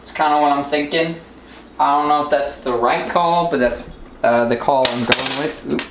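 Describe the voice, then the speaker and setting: A man's voice: a little high, normal speed, echoey room, heavy background noise. A young man vlogging casually from his home kitchen, talking in a rambling, easygoing way full of fillers. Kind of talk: casual vlog chat.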